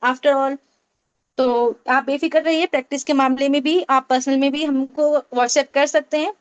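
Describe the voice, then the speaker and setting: A woman with a high, steady voice teaches a Tajweed class over an online meeting call, explaining step by step, putting questions to the class, repeating key points, and mixing in English terms. The audio sounds dull.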